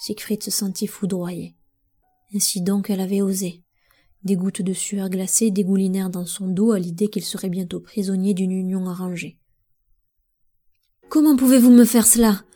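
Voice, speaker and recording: A woman narrating a novel as an audiobook in an expressive, measured way. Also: medium pitch, faint music behind. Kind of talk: scripted narration.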